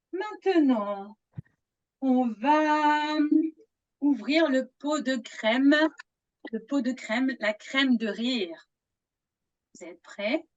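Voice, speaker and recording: A woman's voice: sits high, highs cut off. A woman leading a laughter yoga group, playful and coaxing, often breaking into laughter herself.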